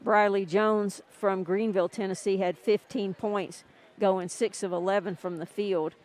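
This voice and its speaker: A woman's voice: medium pitch, a little mellow. A woman radio sports announcer filling air time during a game delay, chatting and rattling off scores and player stats.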